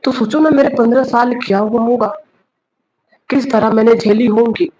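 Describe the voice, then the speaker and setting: A man's voice: very high-pitched, fairly even intonation, moderate pace, darkish tone, muffled recording, slight background noise. A man teaching, telling a moral story in an earnest way with rhetorical questions. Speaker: English teacher giving a moral talk.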